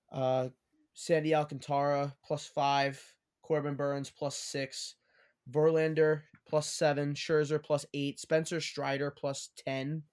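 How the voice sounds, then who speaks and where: A man's voice: mid-range voice, darkish tone, smooth. A man hosting a casual sports podcast with friends, running the segments and trading takes. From Long Island. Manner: chatty, runs the segments. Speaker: podcast host.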